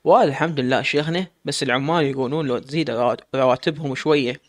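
A man's voice: medium pitch, racing, natural voice. A man voicing a respectful, loyal foreman. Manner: deferential.

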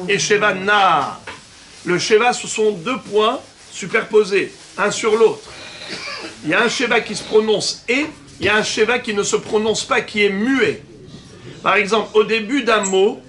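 A man, a rabbi, giving a religious lesson, explaining patiently and slowing down to spell out Hebrew terms. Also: high voice, fairly bright tone.

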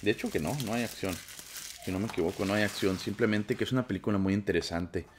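Slangy Mexican man, very deep voice. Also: fast talker, noisy background. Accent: Mexican Spanish. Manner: slangy, loose and chatty. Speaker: YouTuber unboxing movies. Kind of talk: casual unboxing vlog.

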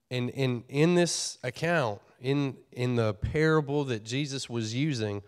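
A pastor preaching a sermon to his church, earnest and folksy, often repeating and restarting his phrases. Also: fairly high pitch.

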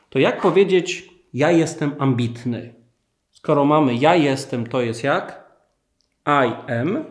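A man teaching an English lesson to learners, asking the viewers questions and drawing out each model phrase slowly. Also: a little high, echoey room.

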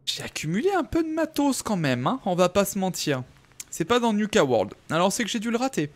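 A man's voice: high-pitched, sing-song, brisk. A young man casually commenting on his game live, thinking aloud and answering viewers in chat. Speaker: streamer.

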